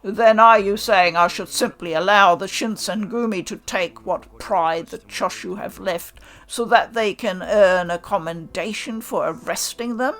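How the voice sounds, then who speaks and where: A woman's voice: on the high side, takes it slowly, few pauses, fairly bright tone. A woman voicing a defiant samurai stranger. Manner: bitter, defiant. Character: proud, angry male samurai stranger.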